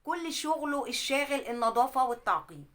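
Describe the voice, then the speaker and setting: Fast, bright Egyptian woman storyteller. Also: high-pitched. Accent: Egyptian Arabic. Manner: emotional, animated storytelling. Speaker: storyteller and advice host. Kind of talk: dramatic first-person story narration.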